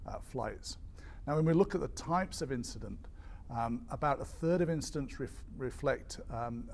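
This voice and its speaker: A man giving an explanatory briefing as an industry spokesperson, measured but hesitant, with frequent ums and repeated words. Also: medium pitch, a little mellow, slight background noise. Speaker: airline industry association spokesperson.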